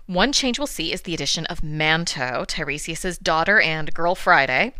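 Bright-voiced woman hosting a classics podcast. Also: deep voice, lively intonation, moderate pace, clear, resonant tone, no room sound. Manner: wry, dry asides. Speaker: podcast host teaching classics. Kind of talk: scripted podcast lecture.

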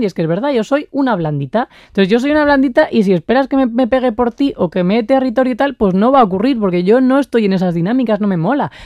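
A woman's voice: medium pitch, warm tone, dry recording. A woman from co-hosting a podcast, chatting in slang and voicing imagined dialogue. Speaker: podcast co-host. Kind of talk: casual chat.

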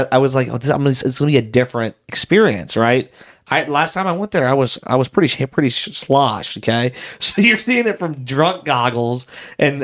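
Man, podcast co-host, casual chat, rambling, enthusiastic, mid-range pitch.

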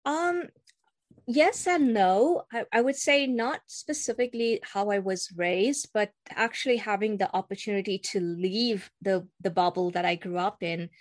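A woman's voice: mid-range voice, unhurried, no room sound. A young adult woman from South Africa, a cross-cultural communication coach, talking earnestly as a guest in a casual interview with some ums and restarts. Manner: earnest, with filler words and restarts.

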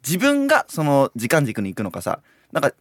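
A young Japanese man co-hosting a radio show, chatting casually with playful, quick banter. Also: mid-range voice, huge pitch swings, fairly bright tone, no echo, clean studio sound. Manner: playful, quick banter with frequent short acknowledgements. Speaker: radio co-host.

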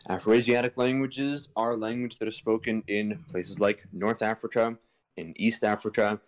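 A man with a lowish voice explains old languages in a loose, irreverent way, tossing in slang and jokes. He talks casually, like a guest on a chat show, and he comes through a video call. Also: steady tone, moderate pace, poor audio. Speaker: podcast guest explaining linguistics.

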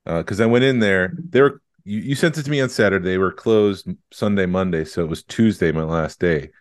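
Low-voiced male podcast co-host. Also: a little fast, no room sound, studio quality. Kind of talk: casual chat.

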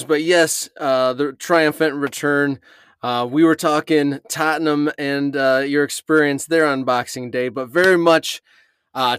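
A man hosts a casual soccer podcast from a small closet under the stairs, and the room gives his voice a dry, close sound. His voice sits a little high for a man and is smooth. He talks loosely and leans on filler uhs. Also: no room sound. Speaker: podcast host.

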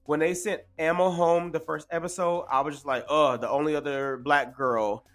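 A man's voice: a little high, fairly bright tone. A man co-hosting a casual podcast, giving opinions in slangy drag-scene phrases. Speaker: podcast co-host.

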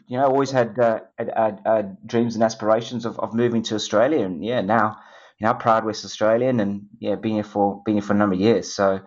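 A middle-aged South African man, a company co-founder appearing as a guest, speaks in a fairly low, slightly mellow voice. He rambles through a casual interview with many restarts and easy laughs, and the sound is dull and lo-fi.

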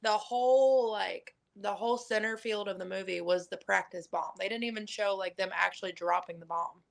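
Creaky-voiced American woman chatting casually. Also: mid-range voice, fairly even intonation, moderate pace. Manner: blunt, profane, heavy use of "like". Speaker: podcast guest. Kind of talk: casual comedic podcast chat.

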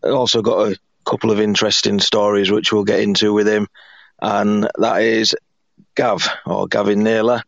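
Croaky, hoarse man hosting a podcast. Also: lowish voice, level tone, normal speed, no room sound, highs cut off. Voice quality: croaky, frog-in-the-throat voice. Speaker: podcast host. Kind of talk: casual sports podcast chat.

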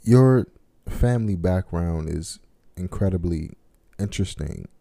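A man's voice: low-pitched, a little slow, creaky, mellow, no room sound. A man with a slightly Southern Maryland accent, chatting informally and often searching for his words. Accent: Maryland, slightly Southern American. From Maryland, United States. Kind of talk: casual conversation.

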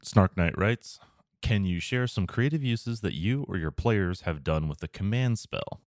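Deep-voiced man co-hosting a podcast. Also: lively intonation, a little slow, no echo, studio quality. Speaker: podcast co-host. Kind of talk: casual gaming podcast chat.

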